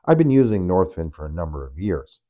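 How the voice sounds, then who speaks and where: Older man, low-pitched and hoarse from a cold, pausing often as he reviews pond food. Dull, dry home recording. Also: big pitch swings, no echo. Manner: halting, pauses mid-sentence to find words. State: hoarse from a cold, voice cracking upward. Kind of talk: casual product review.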